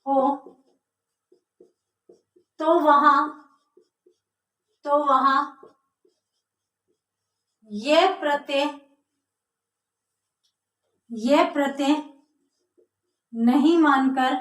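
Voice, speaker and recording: A woman's voice: sits high, fairly even intonation, drawn-out words, long pauses, fairly bright tone, far from the mic. A woman teaching a grammar lesson, explaining step by step and answering her own questions. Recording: echoey room, voice from off mic.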